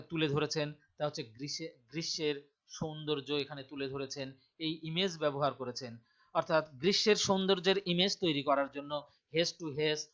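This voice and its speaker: A man's voice: a little high, a bit bright. Man teaching a poem. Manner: slow, emphatic reading of quoted verse lines. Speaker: literature teacher. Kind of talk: explaining a poem to students. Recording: dull lo-fi sound.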